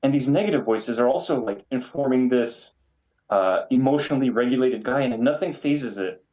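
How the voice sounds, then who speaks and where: A man's voice: medium pitch, normal speed, warm tone. A man calling in over a video call that keeps breaking up, rambling casually with lots of filler "likes". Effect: choppy audio breaking up. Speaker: call-in guest. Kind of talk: casual chat. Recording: dull lo-fi call audio.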